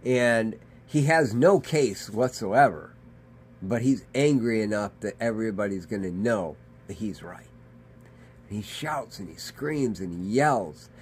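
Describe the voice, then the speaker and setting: A man's voice: fairly low pitch, animated, measured pace, slight background noise. A man, a pastor, giving a conversational daily devotional sermon in an earnest manner. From Michigan. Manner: conversational, earnest, dramatizes quoted voices.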